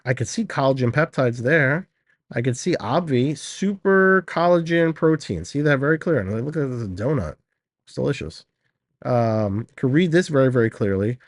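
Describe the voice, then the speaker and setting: A man's voice: medium pitch, lively intonation, moderate pace, no room sound, clean studio sound. A man hosting a casual screen-share product teardown, chatting straight to viewers while sick and a little out of breath. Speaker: host.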